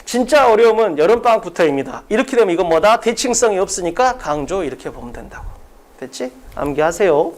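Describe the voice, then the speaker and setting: High-pitched, emphatic Korean lecturer man. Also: expressive. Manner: brisk, emphatic, asks and answers his own questions. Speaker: English test-prep lecturer. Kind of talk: classroom lecture.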